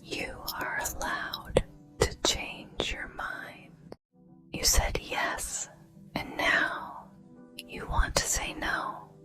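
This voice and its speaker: A woman gives a whispered ASMR pep talk of affirmations in a soft, breathy, deliberate and reassuring way, with pauses between phrases. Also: music in the background.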